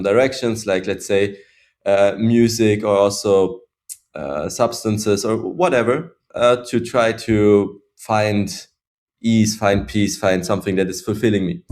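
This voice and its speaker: A man from Switzerland telling his personal story as a podcast guest, reflective and halting, often restarting his sentences. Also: lowish voice, darkish tone. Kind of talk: casual personal story in interview.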